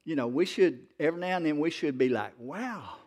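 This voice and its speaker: Joking pastor, slightly high voice. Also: male voice, expressive, a little mellow. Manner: joking, laughs often, calls for congregation response; reads scripture slowly and emphatically. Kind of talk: sermon.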